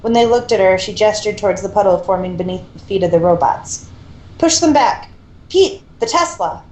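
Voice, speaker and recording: A woman co-reading fan fiction reads aloud in an amateur style, adding casual asides. Her mid-range, darkish voice is animated and moves at a moderate pace, recorded in an echoey room with faint noise.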